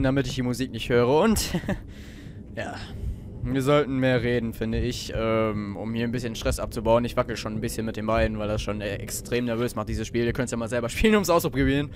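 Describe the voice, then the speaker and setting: Nervous and joking, a teenage boy narrates his horror game run for viewers, now and then shouting suddenly. His voice sits in the mid range. Behind him are faint game ambience and a slight hiss or hum.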